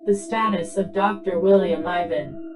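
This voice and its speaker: A woman with a fairly low, natural voice reads a scripted sci-fi drama as an impersonal, official debriefing system, delivering clipped transmission prompts in a formal, terse way. Her tone is steady and her pace moderate, with background music over a low-quality recording.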